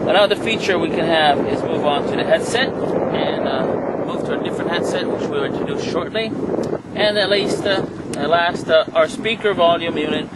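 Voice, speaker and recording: Halting male product trainer, noisy windy recording. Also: fairly high pitch. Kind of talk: product demonstration, instructional. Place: outdoors aboard a boat. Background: wind and boat noise.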